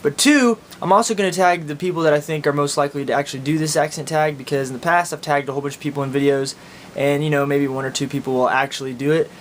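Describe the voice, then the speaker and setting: Higher-voiced Oklahoma man, casual vlogger. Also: fast. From Oklahoma, United States. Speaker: video blogger. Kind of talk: casual chat to camera, answering accent tag questions. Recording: steady background noise with low rumble.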